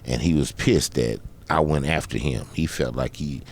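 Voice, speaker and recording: A man from Arkansas, a guest comedian telling a story on a podcast, animated and quick to laugh. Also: rumbling low, slight background noise.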